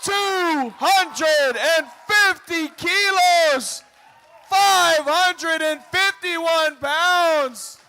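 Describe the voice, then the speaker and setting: A man announcing a powerlifting meet live, working up the crowd like a showman with booming calls, drawn-out numbers and urging. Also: pushed and bright, shouting. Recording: crowd noise in a live venue.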